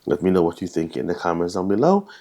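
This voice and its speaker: A man testing his wireless clip-on mic, talking in a casual, halting way with many restarts, his voice run through noise reduction processing. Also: deep voice, very animated, warm tone, dry recording. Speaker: gear reviewer. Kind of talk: casual product test vlog.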